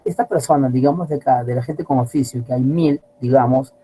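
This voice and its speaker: A middle-aged man teaching a class, lively and always asking his students questions. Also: medium pitch, fairly quick, slight background noise, low-quality recording. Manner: animated, asks students constant rhetorical questions. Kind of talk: classroom lecture.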